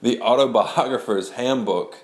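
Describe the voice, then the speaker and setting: A man with a medium-pitched, unhurried voice records a casual audio blog on memoir writing, and the sound is roomy. He's a blogger and memoir writer fighting a congested head cold, rambling and restarting often.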